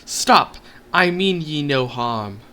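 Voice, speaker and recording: A man's voice: on the low side, steady tone, takes it slowly, clear, resonant tone. A man voicing a frightened male author who pretends to be a mage in a read-aloud game story. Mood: panicked. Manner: shouting and jumpy, then mock-commanding. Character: nervous male author bluffing as a wizard.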